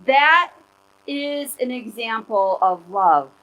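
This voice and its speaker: A middle-aged woman pastor giving a sermon in church, conversational and animated, telling personal stories to make her points. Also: on the high side, slow pace, poor audio.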